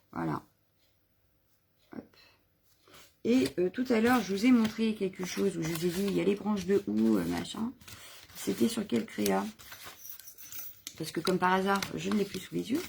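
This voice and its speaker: A woman's voice: medium pitch, animated, measured pace, pauses often, darkish tone, a little hiss or hum. A woman chatting casually on a live craft video, showing her stamps and stencils, rambling with fillers and self-corrections. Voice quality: husky, gravelly.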